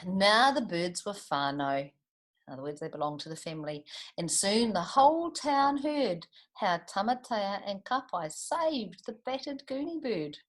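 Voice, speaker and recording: Reading a picture book to children, a woman with a New Zealand accent performs it expressively, slipping in chatty asides and questions for her young listeners. Her medium-pitched voice is animated and a little slow.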